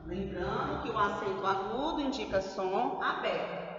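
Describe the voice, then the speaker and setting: A woman's voice: medium pitch, a bit bright. Brazilian woman teaching, far and echoey. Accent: Brazilian Portuguese. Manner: slow, drawn-out stressed syllables, tag questions. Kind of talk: grammar lesson for children. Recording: roomy, far from the mic, dull.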